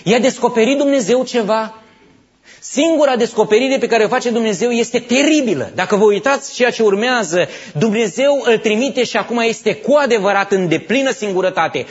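A man preaching a sermon, swinging between hushed asides and loud emphatic passages. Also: very high voice, lively intonation. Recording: dull lo-fi sound.

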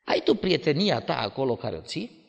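A male preacher tells stories in his sermon, his voice swooping widely from low murmurs to high exclamations. His pitch sits a bit above the usual for a man. The sound carries a long church-hall reverb. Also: gravelly, dull audio. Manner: animated storytelling with dramatic swings.

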